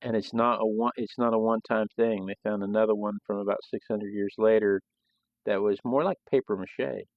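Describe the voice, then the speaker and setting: A low-voiced man with a gravelly edge chats casually through a live drawing session. He rambles loosely and often restarts his sentences. The sound is dry and dull, with a lo-fi quality. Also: steady tone, brisk, no echo. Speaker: host of a live sketching stream. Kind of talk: casual live-stream talk while drawing.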